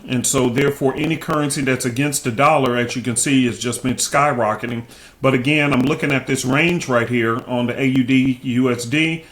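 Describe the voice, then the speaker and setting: A man's voice: mid-range voice, fairly bright tone. Casual man talking with a swollen cheek. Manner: informal, slangy. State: swollen cheek after three teeth pulled. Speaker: trading video host. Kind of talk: casual chart commentary.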